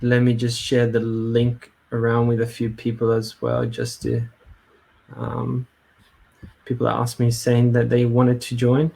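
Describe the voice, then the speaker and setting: Slow, halting male webinar host. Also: mid-range voice, monotone, gravelly, darkish tone. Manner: hesitant, many fillers and restarts. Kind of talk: casual live-stream talk. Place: Brisbane.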